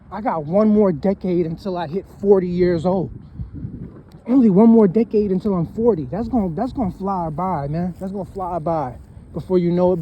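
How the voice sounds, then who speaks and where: A thirty-year-old male vlogger gives a casual, rambling motivational talk in a high-pitched voice, often tacking "man" and "you know what I'm saying" onto his lines. The audio has its highs cut off and slight background noise.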